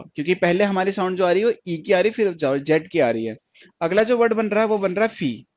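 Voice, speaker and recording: A man with a high-sitting voice teaches an online stenography class, repeating every point and posing questions that he answers himself. The recording is dry and lo-fi.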